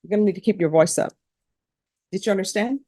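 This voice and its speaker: A female judge presides over a courtroom hearing, questioning people in a formal, procedural manner and spelling out names. She speaks at a quick pace with a medium-pitched, dark-toned voice. The studio-quality audio carries no room sound.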